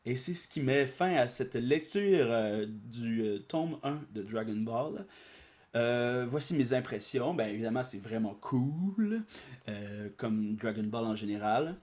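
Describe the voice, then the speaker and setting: A man reads a manga aloud in a casual, chatty way. His animated voice moves around a lot in pitch, and he keeps breaking off for asides that are full of hesitations. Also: measured pace. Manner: chatty, aside-filled, hesitant filler-heavy commentary. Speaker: audiobook reader and commentator.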